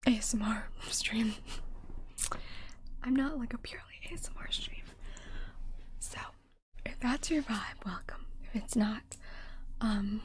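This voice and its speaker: A woman whispering fast and softly in a chatty ASMR livestream, often repeating words in quick bursts. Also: fairly high pitch. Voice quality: soft, mostly unvoiced whisper. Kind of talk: whispered ASMR casual chat with viewers.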